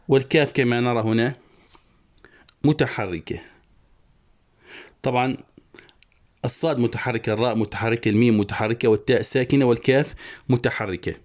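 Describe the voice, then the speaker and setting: A man teaching an online lesson on poetic meter, methodically explaining the verse and slowly spelling out each syllable. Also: medium pitch. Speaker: Arabic prosody teacher.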